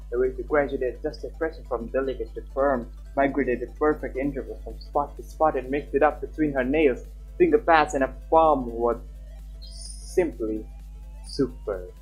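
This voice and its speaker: A young man with a mid-range voice chats casually at a normal speed while live-streaming a game, reading on-screen text aloud. The dull lo-fi mic picks up game music in the background.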